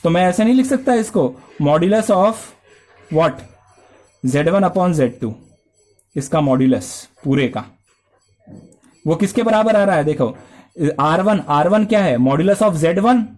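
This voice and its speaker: A man's voice: high-pitched, lively intonation, measured pace, long pauses, darkish tone, faint music behind. A male math teacher lecturing a class, explaining step by step and asking and answering his own questions.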